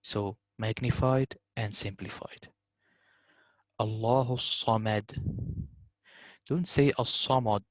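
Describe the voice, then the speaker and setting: A man's voice: medium pitch, dry recording. Man teaching Quran recitation, dry close sound. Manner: explains slowly, repeating words in Arabic recitation. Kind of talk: online tajweed lesson.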